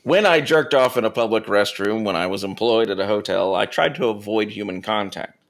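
A man co-hosting a comedy podcast, reading erotica aloud with deadpan asides and casual chat. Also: fairly low pitch, a little fast. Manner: deadpan asides between read passages. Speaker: podcast co-host reading stories.

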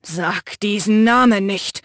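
A man's voice: sits high, slow, fairly bright tone, no echo, studio quality, heavily acted. A woman voicing a furious, out-of-control young man who growls and spits insults in an audiobook.

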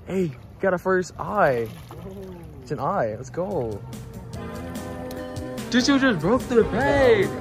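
A young man filming a trip with his friends, chattering in excited slang and breaking into laughs. His voice sits a little high and swings around a lot. He talks at an unhurried pace. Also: music in the background. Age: young adult. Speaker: vlogger. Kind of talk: casual road trip vlog.

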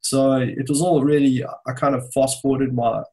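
A man's voice: medium pitch, steady tone, moderate pace, warm tone, poor audio. A man in his forties with a South African Johannesburg English accent, telling stories as a guest in a casual podcast chat. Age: 40s. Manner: chatty storyteller, laughs easily. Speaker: guest music producer.

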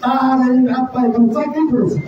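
An older man from Bangladesh giving a fiery, shouted political rally speech into a handheld mic in a crowded indoor party office. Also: very high-pitched, normal speed, a little hiss or hum. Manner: fiery, repetitive slogans. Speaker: political speaker. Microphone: handheld mic, filmed from far. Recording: echoey hall, far off, dull, crowd.

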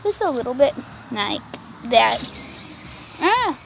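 A female voice narrating a toy role-play vlog, excitable and given to squealing cheers. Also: on the high side, a little slow, background noise. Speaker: toy video maker.

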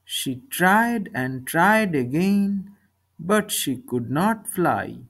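A woman reading a children's story slowly, speaking each line and then its translation. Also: lowish voice, animated. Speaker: narrator of a bilingual story. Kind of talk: slow storybook reading in German and English.

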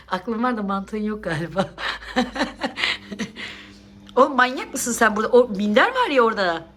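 A woman's voice: medium pitch, sing-song, unhurried, pauses often. A woman vlogging at home, coaxing and teasing her pet cat and scolding it playfully in casual pet talk.

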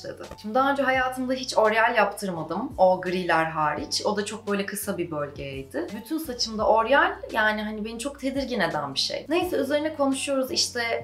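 A woman's voice: fairly high pitch, fairly bright tone, roomy sound. A woman vlogger chatting casually to camera, retelling a story and acting out the quoted lines.

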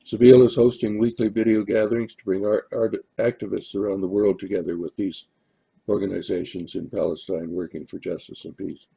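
An older minister giving church announcements in a hesitant way, with many pauses and fillers. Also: male voice, on the low side, little pitch movement, gravelly, mellow, breathy edge. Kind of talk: sermon announcements.

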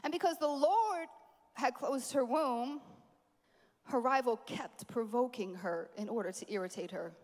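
A woman preaching a sermon at a conference, animated, with playful asides to the crowd. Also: on the high side, unhurried, long reverb tail. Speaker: conference speaker. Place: large conference hall.

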